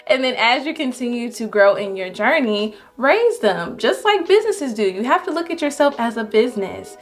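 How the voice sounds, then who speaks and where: A young adult woman photographer giving casual, encouraging business advice to viewers, with lively jumps in pitch when she stresses a point. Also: normal speed. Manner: chatty and encouraging, animated pitch jumps on emphasis.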